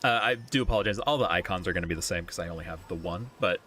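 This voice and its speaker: A man's voice: low-pitched, racing, pushed and bright, a little hiss or hum. A man narrating as dungeon master in a live tabletop game, loose and often laughing.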